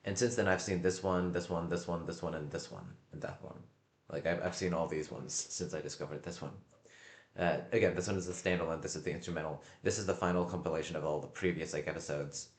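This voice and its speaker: A man with a deep, low voice talks casually on a livestream in an echoey room. He rambles in a halting way, doubling back on words and pausing to find the next one. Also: steady tone. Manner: halting, often repeating and searching for words.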